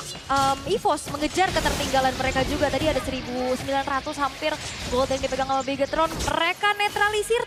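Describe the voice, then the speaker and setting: High-pitched Indonesian female esports caster. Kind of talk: live analytical match commentary.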